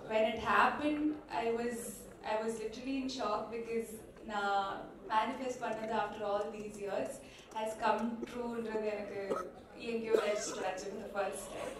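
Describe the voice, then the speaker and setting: A woman giving a thank-you speech on stage at a film launch, switching between Tamil and English, pausing often with fillers. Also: fairly high pitch, steady tone, background noise. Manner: unhurried, with many pauses and fillers. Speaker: actress speaking at a film launch. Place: large event hall. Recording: echoey hall from far off with crowd.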